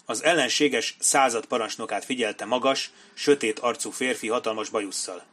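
A man reading a war novel aloud as an audiobook narrator, in steady, measured storytelling. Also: mid-range voice, slightly rough.

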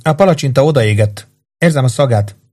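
A male narrator voicing a cold mother who speaks in a flat, toneless way, higher than his own voice. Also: natural voice.

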